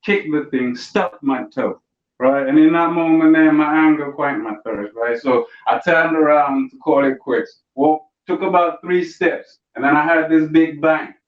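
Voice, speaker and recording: A man's voice: a little high, measured pace. A man performing a stand-up comedy routine over a video call, telling stories with punchy asides to the audience. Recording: roomy, distant, dull lo-fi call audio.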